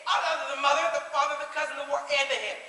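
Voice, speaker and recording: A man's voice: very high-pitched, level tone, rapid-fire, exaggerated voice. A teenage actor playing a flustered, exasperated man fielding phone calls in a school stage comedy. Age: teens. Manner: exasperated, bursts of shouting. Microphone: distant room mic. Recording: echoey auditorium from far off, faint clicks.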